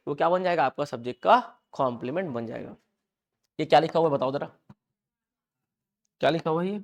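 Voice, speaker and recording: A man with an Indian accent teaching an English class, drilling pronunciation by asking students again and again and mixing Hindi with English words. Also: fairly high pitch. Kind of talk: classroom lecture.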